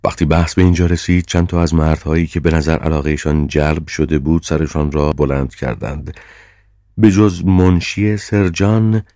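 A man reading a novel aloud as the audiobook narrator, in an even, measured storytelling manner. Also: rumbling low, no room sound, studio quality. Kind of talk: scripted narration.

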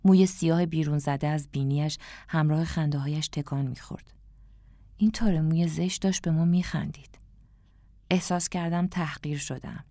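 A woman narrating an audiobook in a calm, reflective storytelling manner. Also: sits low, dry recording, studio quality.

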